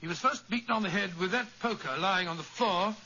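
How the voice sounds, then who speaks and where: An earnest, blustering British doctor, the detective's loyal older companion in a radio play. His voice is high and sharp, on a dull old recording. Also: a little fast, a little hiss or hum. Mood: earnest, puzzled. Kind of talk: 1940s radio acting.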